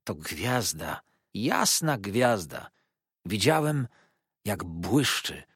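A man voicing a gentle, eccentric older gentleman in a storybook reading, speaking slowly and earnestly. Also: on the low side, big pitch swings, husky, no echo, studio quality, exaggerated voice. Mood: confiding.

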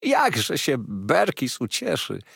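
A man's voice: mid-range voice, wildly swooping pitch, slow pace, creaky, fairly bright tone, breathy edge, no room sound, studio quality, pitched above the performer's own voice, heavily acted. A man voicing a joyful, tearful older housekeeper with a motherly, exclaiming manner. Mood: overjoyed, tearful. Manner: exclaiming, choked with emotion.

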